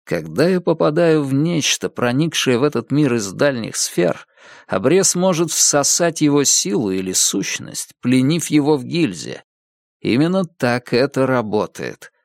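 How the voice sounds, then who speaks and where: A man's voice: medium pitch, animated, measured pace, creaky, no echo, studio quality. A man reading first-person narration for an audiobook, in a tense, dramatic storytelling manner.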